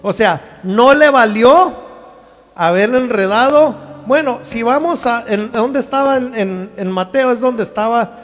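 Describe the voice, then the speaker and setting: A man's voice: extremely high pitch, a little slow, hardly any pauses, big-room sound. A male pastor preaching a sermon in a conversational way, often checking in with the congregation through rhetorical questions.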